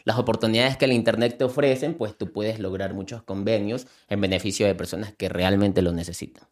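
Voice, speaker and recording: Speaking briskly in a lowish, slightly mellow voice, an Ecuadorian animal rescuer and content creator from Manta on the coast shares his personal story in an interview. He is sincere and heartfelt, and when emotion hits he tends to repeat words.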